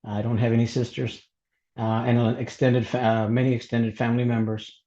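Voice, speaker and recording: A man from Mexico who grew up in Texas, introducing himself as a panelist in a webinar, pausing often with fillers and restarts. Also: mid-range voice, level tone, dark tone. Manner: halting, many fillers and restarts. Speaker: panelist, college instructor. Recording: dull lo-fi webinar audio.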